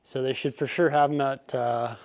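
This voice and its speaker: A man's voice: mid-range voice, steady tone, moderate pace, vocal fry. A man chatting casually and upbeat in a vlog as he tidies his garage and studio, rambling through asides. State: out of breath. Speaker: vlogger.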